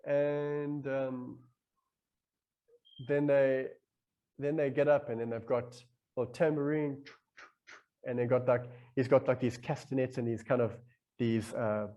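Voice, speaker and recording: A man in a casual podcast conversation, telling a long story in a rambling, animated way and acting out his own inner voice as he goes. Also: mid-range voice, highs cut off.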